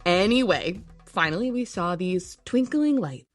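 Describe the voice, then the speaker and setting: A woman's voice: on the low side, lively intonation, measured pace, dry recording, faint music behind. A woman narrating and acting a lead in an audio drama, dry, matter-of-fact and a little exasperated.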